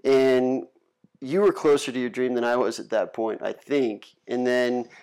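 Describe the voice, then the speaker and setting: A man's voice: medium pitch, steady tone, unhurried, darkish tone, clear, resonant tone. A man hosting an interview at a friend's home, asking questions in a friendly, chatty way. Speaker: interviewer host. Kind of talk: casual interview conversation. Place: guest's home.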